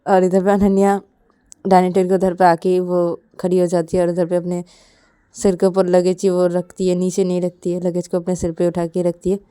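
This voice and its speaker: A woman's voice: fairly low pitch, monotone, moderate pace, dark tone, smooth, no room sound, clean studio sound. A woman narrating a love story in a casual, plain storytelling manner.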